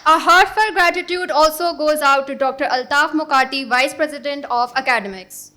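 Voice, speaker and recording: A woman's voice: high voice, moderate pace, sharp tone, slight background noise. A young woman with a Pakistani accent co-hosting a ceremony in a scripted presenting style. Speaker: event co-host.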